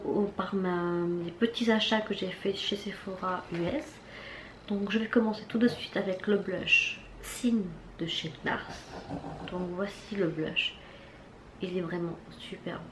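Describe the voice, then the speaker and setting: A woman's voice: medium pitch, steady tone, unhurried. A woman casually reviewing her latest makeup purchases, chatty and hesitant, with lots of fillers and restarts. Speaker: beauty vlogger. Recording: echoey room with faint background noise.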